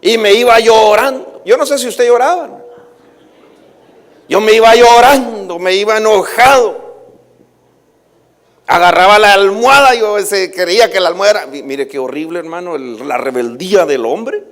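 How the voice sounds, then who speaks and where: High-voiced pastor preaching in a reverberant hall. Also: male voice, animated, moderate pace. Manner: preaching with swings between loud calls and soft asides. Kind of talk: sermon. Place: church hall. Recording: livestream with long hall reverb.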